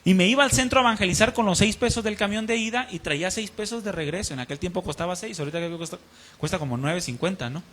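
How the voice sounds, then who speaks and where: A man's voice: high voice, fast, a bit bright. A man preaching a sermon, earnestly telling a personal testimony and acting out the dialogue in it. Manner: earnest, acts out dialogue in his story.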